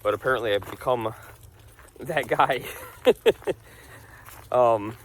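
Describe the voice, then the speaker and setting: A man's voice: medium pitch, slow pace, a little hiss or hum. A man from New York's Hudson Valley who rambles in casual vlog chat, laughing often while he walks his dog along a wooded trail outdoors. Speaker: vlogger.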